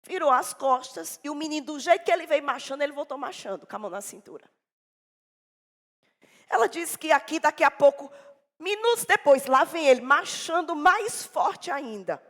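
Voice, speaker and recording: A woman's voice: high voice, lively intonation, normal speed. Dramatic woman preacher in an echoey hall. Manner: dramatic storytelling, swings between loud and hushed. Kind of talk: sermon. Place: church.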